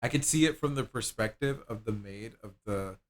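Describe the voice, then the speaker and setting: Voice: mid-range voice, moderate pace. A streamer chatting casually and laughing while playing a game on a live stream, rambling with restarts.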